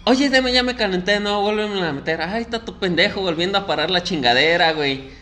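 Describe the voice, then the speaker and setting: A man's voice: high-pitched, brisk, sharp tone, faint music behind. A man with a Mexican accent tells a crude anecdote in a rowdy, profane way, acting out the people in it. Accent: Mexican Spanish. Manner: rowdy, profane, acts out the people in his stories. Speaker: storyteller. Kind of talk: casual crude anecdote telling.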